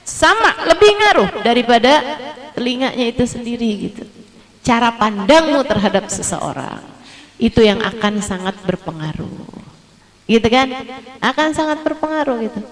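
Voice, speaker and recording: A woman preacher giving a lively sermon, telling stories and mimicking the voices of others. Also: a little high, moderate pace.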